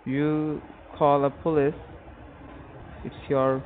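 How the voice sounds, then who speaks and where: A young man making a prank call, speaking halting, repetitive broken English. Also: fairly high pitch, little pitch movement, a little hiss or hum. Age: young adult. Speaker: prank caller. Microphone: telephone. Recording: tinny phone line.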